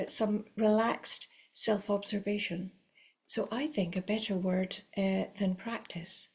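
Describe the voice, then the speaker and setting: Woman, middle-aged, violin teacher, calm, encouraging, unhurried, filler-heavy speech. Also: medium pitch. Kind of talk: spoken lesson to camera.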